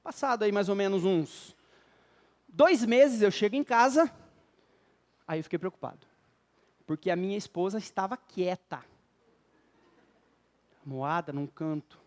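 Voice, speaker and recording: A man's voice: high-pitched, measured pace, pauses often, darkish tone. Brazilian man giving a humorous lecture. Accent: Brazilian Portuguese. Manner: quizzes the audience, jokey storytelling. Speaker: spiritist lecturer. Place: lecture hall with audience.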